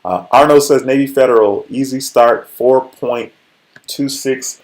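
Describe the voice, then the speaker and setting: A man in his forties hosts a casual, motivational livestream, chatting conversationally and frequently checking in with his listeners. His voice is mid-range, unhurried and slightly mellow.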